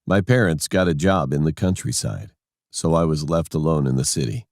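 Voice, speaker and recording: A man's voice: rumbling low, moderate pace, vocal fry, darkish tone, no echo, studio quality. A man narrating a scary personal story in a plain, matter-of-fact way.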